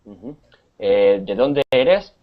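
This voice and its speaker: A man's voice: fairly low pitch, expressive, takes it slowly, dull audio. A man from Spain with a Spanish accent, teaching an online Spanish class and explaining things patiently with many hesitations.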